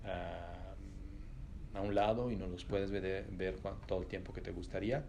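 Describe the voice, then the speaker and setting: A middle-aged man, speaking Spanish as an in an interview as a company executive, thoughtful and pausing often with fillers. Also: low voice, flat delivery, a little mellow, a little hiss or hum. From Italy. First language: Italian. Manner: thoughtful, pauses with many fillers and restarts. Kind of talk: reflective interview answers.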